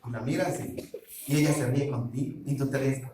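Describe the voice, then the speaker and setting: A man's voice: medium pitch, steady tone, normal speed, a little mellow, slight background noise. Man preaching in an echoey hall. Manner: quizzes the congregation, call-and-response. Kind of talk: church sermon on marriage. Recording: very echoey hall, mic far off.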